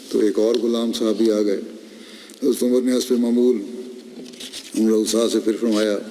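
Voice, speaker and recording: A man giving a Friday sermon, telling a story in a slow, measured way. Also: mid-range voice, dark tone, a little hiss or hum. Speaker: preacher. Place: mosque. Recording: long reverb of a large hall.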